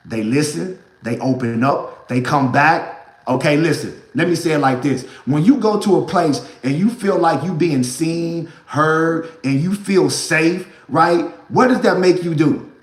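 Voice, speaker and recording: Animated preachy man in an echoey room. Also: fairly high pitch. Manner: preachy, repeats "right?" and "good people"; casual slang, swings between loud and hushed. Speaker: motivational host. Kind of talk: motivational talk to camera.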